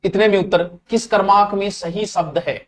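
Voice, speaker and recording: Leading a live online Hindi grammar class for exam aspirants, this high-pitched man with a Rajasthani accent speaks to students casually and directly, lapsing into local dialect. He draws key words out slowly for emphasis, keeps his intonation fairly even, and sits close to the mic.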